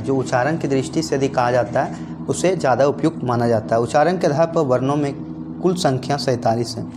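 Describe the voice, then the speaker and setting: A man's voice: medium pitch, background noise. A man with a Jharkhand Hindi accent teaching an exam-prep grammar lesson, repeating points and asking and answering his own questions.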